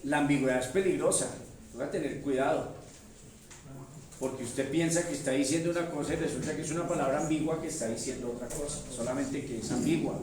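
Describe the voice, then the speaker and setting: A man's voice: fairly high pitch, fairly even intonation, quick pace, crowd noise. A man teaching a church Bible seminar in a conversational way, often asking his listeners rhetorical questions and calling them affectionately. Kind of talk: classroom-style Bible teaching. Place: church hall. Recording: very echoey hall, voice from far off.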